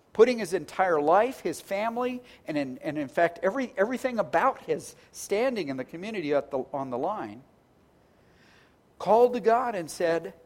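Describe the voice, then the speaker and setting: A pastor preaching a sermon in a conversational, earnest way, often restarting words and stacking phrases into lists. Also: medium pitch.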